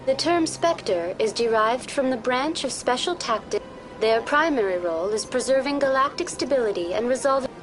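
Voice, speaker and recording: Woman voicing a too-smooth android guide. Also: fairly high pitch, moderate pace, lightly acted, low-quality recording. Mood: formal. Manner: calm, formal and evenly polite. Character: smooth, polite female virtual-intelligence tour guide. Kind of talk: video game voice acting. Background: music.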